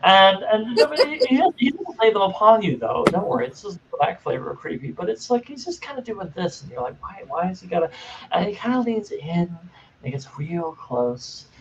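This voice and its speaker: Animated, digressive game master. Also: mid-range voice, brisk, recorded from a distance, a crowd in the background. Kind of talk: improvised tabletop game narration, casual chat. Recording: dull webcam audio with some noise.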